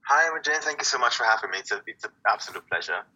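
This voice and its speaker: Reflective man with a bright, husky voice. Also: mid-range voice, lively intonation, dull audio. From Italy. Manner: reflective, halting, many restarts and fillers. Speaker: poet guest. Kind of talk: casual interview talk.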